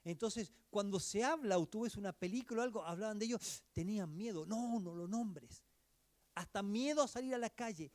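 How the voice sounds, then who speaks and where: A man preaching a sermon as pastor, earnest and exhorting, moving between emphatic lines and hushed asides. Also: high-pitched.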